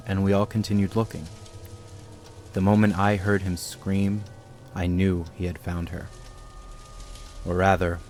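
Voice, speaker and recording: Horror game narrator: a man playing a grave villager telling the story, very low voice, faint music underneath. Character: grim village man recounting a horror tale.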